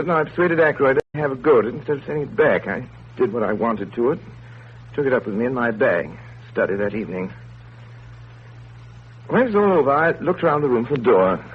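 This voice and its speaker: An actor playing a weary, coolly detached country doctor in a 1930s radio drama, speaking in a measured, reflective way. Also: male voice, mid-range voice, husky. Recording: muffled, phone-like 1930s radio broadcast.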